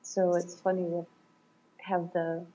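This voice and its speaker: A woman's voice: lowish voice, little pitch movement, takes it slowly, mellow, muffled recording, slight background noise. A woman on a reflective coaching call, talking thoughtfully and searching for words, laughing often. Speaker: coaching client.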